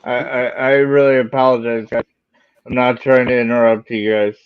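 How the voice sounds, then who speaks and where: A man's voice: medium pitch, steady tone, normal speed, smooth. A man in casual panel chat, speaking hesitantly and repeating his words, on a lo-fi channel. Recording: dull, lo-fi voice channel.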